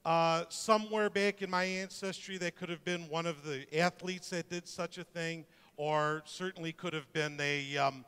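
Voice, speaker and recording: A man's voice: fairly high pitch, steady tone, normal speed, a bit bright, smooth, big-room sound. A middle-aged man from Detroit, giving a joking, conversational talk with many restarts. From Detroit, USA. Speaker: speaker presenting to an audience. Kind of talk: informal presentation talk.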